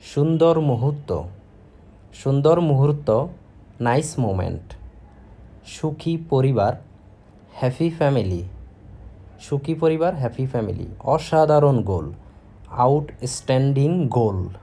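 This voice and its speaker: A man teaching vocabulary, reading each phrase aloud and often repeating it as a slow drill. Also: mid-range voice, lively intonation, dark tone. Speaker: English teacher.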